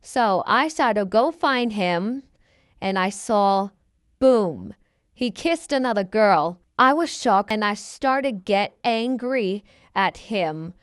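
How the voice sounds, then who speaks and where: A woman's voice: medium pitch, animated, slow pace, smooth, no echo, clean studio sound. A young adult woman telling a personal story in a casual vlog, in simple, repetitive phrasing that often starts with "so".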